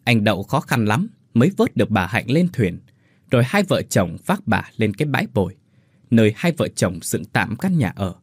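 A man's voice: on the low side, very animated, moderate pace, breathy edge, dry recording, studio quality. A man narrating a dramatic folk story in an emotive storytelling manner.

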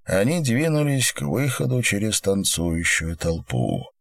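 A man narrating an audiobook in a measured, expressive reading. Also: on the low side, vocal fry.

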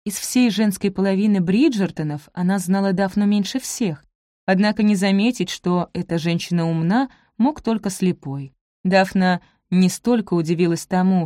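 A woman narrating a novel in an even, measured reading. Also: on the low side, no room sound, clean studio sound. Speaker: audiobook narrator. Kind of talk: scripted narration.

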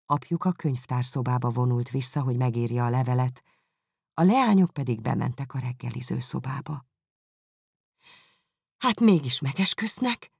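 A man reads a classic novel aloud in an even, measured audiobook narration. His voice has a gravelly grain at a middle pitch, and the recording is dry and close. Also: no echo. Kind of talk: scripted literary narration.

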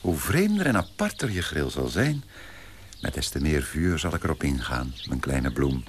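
A man playing a pompous, prim young gentleman in a radio play, turning indignant and shrill when shocked. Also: sing-song, normal speed, a little hiss or hum. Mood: adoring.

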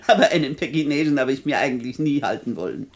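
With a very deep, very animated voice and fast delivery, an older actress takes the role of a rich, bedridden widow in a 1960 German radio play. The character comes across as imperious and teasing, with dry mockery and articulate speech.

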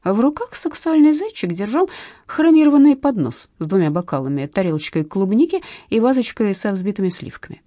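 A woman reading a comic detective novel aloud in measured, expressive audiobook narration. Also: mid-range voice, no echo, clean studio sound.

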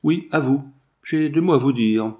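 A man's voice: mid-range voice, normal speed, darkish tone, voice pushed up, natural voice. A man voicing a blunt, bossy police sergeant who gives orders and mocks. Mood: commanding. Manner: commanding, mocking.

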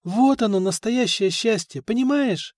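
Man voicing a pleading, shrill young princess. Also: a little slow, dry recording, clean studio sound. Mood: sad. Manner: tearful, pleading, rising to shrill outbursts.

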